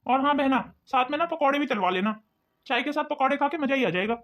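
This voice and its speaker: A woman's voice: high voice, animated, quick pace. A woman voicing a pompous middle-aged uncle in a cartoon, bossy and teasing.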